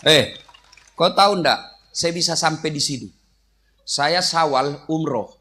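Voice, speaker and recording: Man, preacher, Makassar accent, humorous sermon, talks straight to the crowd, bright voice. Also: fairly high pitch, slow, slight background noise. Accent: Makassar Indonesian. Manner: joking, addresses the audience directly.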